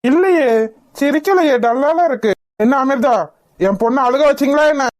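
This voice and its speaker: A woman's voice: high voice, animated, moderate pace, dry recording, clean studio sound. A woman voicing a protective young father in a village cartoon who dotes on his baby and threatens the nanny. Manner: threatening, doting.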